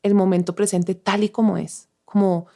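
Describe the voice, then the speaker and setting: A woman's voice: medium pitch, level tone, moderate pace, vocal fry, warm tone. A woman hosting an interview, responding to her guest in a reflective, thoughtful way. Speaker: host. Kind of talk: conversational interview.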